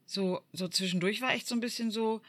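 A woman from Germany co-hosting a podcast in casual chat. She tells stories in a lively way, acts out what people said, and uses many fillers. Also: medium pitch, fairly quick. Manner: lively storyteller who acts out quoted voices, many fillers. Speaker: podcast co-host.

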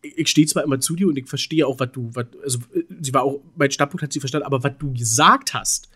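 A man's voice: mid-range voice, fast talker, bright, forceful tone, breathy edge. A man telling stories in casual conversation, hesitant, repeating words and laughing easily. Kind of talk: casual chat.

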